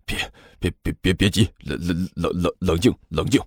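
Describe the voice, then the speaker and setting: A man voicing a nervous middle-aged male school director who mutters low and stammers. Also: wildly swooping pitch, takes it slowly, darkish tone, no echo, studio quality, full character voice.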